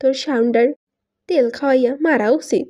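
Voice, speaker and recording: A stingy, foul-mouthed young husband, voiced by a woman reading the story in a high, mellow voice. He blusters and swears in coarse village dialect, quick to take offence. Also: muffled recording. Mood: irritated. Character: cursing, stingy young man, newly married.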